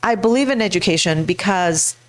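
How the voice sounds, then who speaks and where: A middle-aged woman from Mexico speaks earnestly into a handheld mic, introducing herself as a school board candidate. Her voice sits low, and she pauses often, restarting sentences as she feels her way along. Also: expressive. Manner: earnest, halting, with many fillers and restarts. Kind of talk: personal speech to a live audience.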